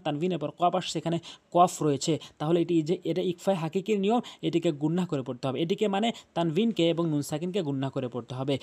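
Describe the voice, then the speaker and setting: A man teaching Quran recitation in a slightly high, mellow, dark voice. He goes over each rule again and again and spells the letters out one by one. Now and then he stretches a recited word out long. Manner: drawls the recited Arabic words. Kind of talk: tajweed lesson over a screen drawing.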